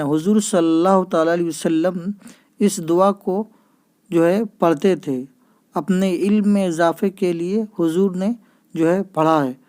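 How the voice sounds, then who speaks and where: Slow, mellow-voiced male teacher. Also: on the high side. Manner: patient, repeats points with "ठीक है ना". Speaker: teacher of Arabic letters for children.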